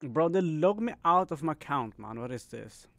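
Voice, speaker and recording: A young man live-streams a game and chats casually with viewers, laughing often and throwing around "bro" and "man" constantly. His laid-back voice is fairly high, expressive, and at normal speed, with vocal fry and no echo.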